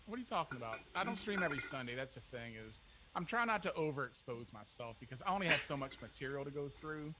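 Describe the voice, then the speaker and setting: A man's voice: medium pitch, animated, fast talker, noisy background. A man chatting as a guest on a live stream, joking and self-mocking in casual banter.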